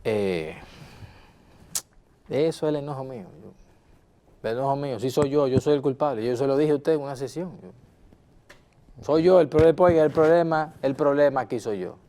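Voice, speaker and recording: A man acting as a quick-tempered husband sits in a counseling session and keeps pressing his points. He repeats himself and speaks to the counselor with formal respect. His voice is mellow and warm, at a middling pitch. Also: close to an everyday voice. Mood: insistent. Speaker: counseling client. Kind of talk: role-played counseling session.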